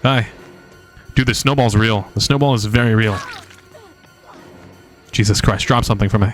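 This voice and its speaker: A man streaming a video game and commentating live, casual and excitable, swearing freely. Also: fairly low pitch, normal speed, faint music behind.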